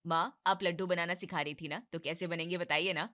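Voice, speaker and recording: A woman with a steady tone and fairly quick delivery voices a young husband in an animated family drama. Lowering her voice, she keeps it soft and placating as the soothing, evasive man appeases his wife and mother.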